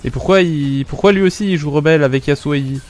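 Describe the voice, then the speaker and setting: A young man with a Belgian French accent giving casual, animated gameplay commentary as a streamer, swearing often and talking straight to his viewers. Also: fairly high pitch, fast talker, soft background music.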